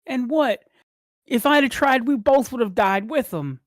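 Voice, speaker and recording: A game master voicing a desperate teenage older brother who yells and pleads. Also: mid-range voice, lively intonation, extremely slow, no echo, studio quality, pitched above the performer's own voice. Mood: pleading. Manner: yelling, pleading.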